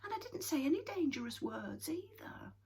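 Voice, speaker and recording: A woman voicing a small, gentle young male troll who talks in an earnest, pleading way in a storybook reading. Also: high-pitched, sing-song, moderate pace, voice pushed up. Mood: curious, worried.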